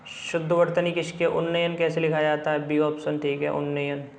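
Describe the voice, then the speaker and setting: A man tutors students through spelling questions from a book, saying each word again and again between quick informal asides. His voice sits a little high and barely moves in pitch. The room rings with echo, and a faint noise hums underneath. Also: completely flat delivery, creaky. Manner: repeats words over and over, informal asides. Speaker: Hindi exam tutor.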